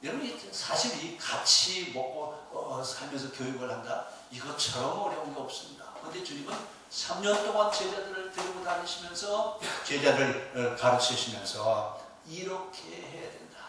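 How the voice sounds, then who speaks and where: A man's voice: medium pitch, expressive, moderate pace, few pauses, fairly bright tone, slight background noise. A middle-aged male pastor preaching a sermon in a church, telling a story and asking the congregation rhetorical questions. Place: church sanctuary. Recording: echoey church from far off.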